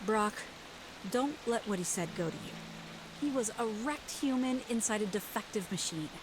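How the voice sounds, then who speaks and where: An actress playing a supportive, determined journalist in a dramatic video game. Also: female voice, fairly high pitch, expressive, normal speed, noisy background, close to an everyday voice. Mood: reassuring.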